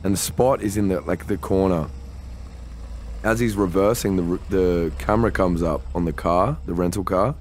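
Animated Australian man telling a story. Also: deep voice, normal speed, a little hiss or hum. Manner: animated, swears freely, acts out quoted dialogue. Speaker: podcast co-host. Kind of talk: casual storytelling chat.

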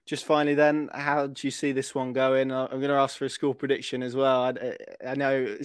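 Fast, even-toned man interviewing. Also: medium pitch, smooth, no room sound, clean studio sound. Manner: hesitant, long hedged questions. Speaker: interviewer, host. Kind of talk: conversational football interview.

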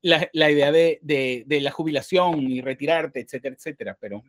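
Man from Venezuela, interview guest, fairly high voice, dry close sound, halting and thoughtful. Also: no room sound. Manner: thoughtful, many restarts and repeated words. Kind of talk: casual interview talk.

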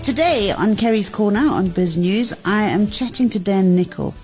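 A woman's voice: mid-range voice, expressive, moderate pace, music in the background. A middle-aged woman hosting an interview show, chatting playfully and laughing often. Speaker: podcast host.

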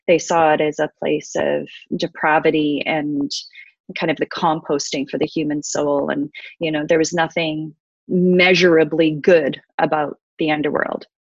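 A woman retelling an old myth in conversation, thoughtful, with many pauses and fillers. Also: low-pitched, gravelly, no room sound, highs cut off. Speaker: interview guest, storyteller.

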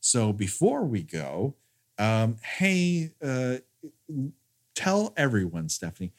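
A man hosting a podcast, discussing films casually in a halting, stammering way. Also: mid-range voice, huge pitch swings. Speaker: podcast host.

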